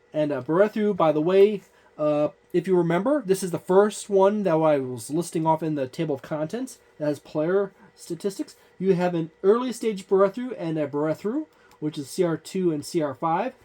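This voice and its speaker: A tabletop gaming channel host leafs through a book page by page in a loose, filler-heavy ramble, highlighting things on the page. The casual walkthrough is voiced in a dark, mid-range tone at a moderate pace.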